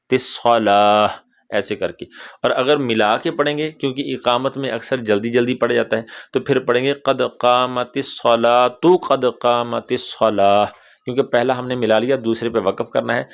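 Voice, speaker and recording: A male Quran teacher giving a tajweed lesson, speaking slowly and deliberately and drawing out example words to show how they should sound. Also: medium pitch. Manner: slow, deliberate, stretches out example words and repeats them. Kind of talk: tajweed lesson on pronouncing the call to prayer.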